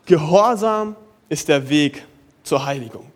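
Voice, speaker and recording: A young man preaching a sermon in a casual, youthful way, dropping in English slang and moving between lively bursts and soft, slow passages. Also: fairly high pitch. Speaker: pastor.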